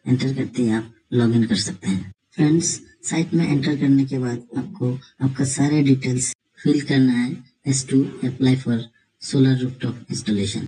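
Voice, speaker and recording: A man with a husky, mid-range voice talks at a measured pace through a screen tutorial, taking viewers through an online form step by step. He keeps his explanation steady and refers to his audience as friends. The recording sounds rough.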